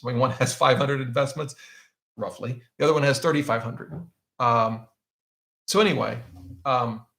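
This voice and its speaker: Speaking in a mid-range, fairly bright voice from an echoey room, a man runs a live question-and-answer stream for his finance channel. His explanations of his choices are relaxed, and he frequently starts sentences over while thinking out loud.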